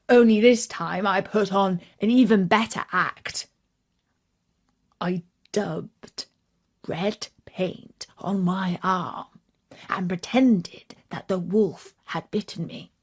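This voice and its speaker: A scripted children's tale is told by a British woman whose voice is mid-range. Her narration is measured yet expressive, in a classic storytelling style.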